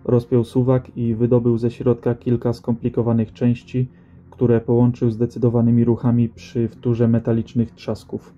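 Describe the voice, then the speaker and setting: A man narrating a science-fiction story as an audiobook reader, with a calm, even storytelling delivery. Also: mid-range voice, normal speed. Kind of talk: scripted narration. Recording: slightly dull audio with faint music.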